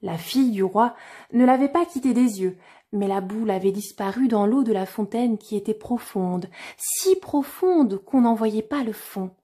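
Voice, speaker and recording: A woman storyteller reading a fairy tale aloud in a clear, expressive way. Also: fairly high pitch, moderate pace.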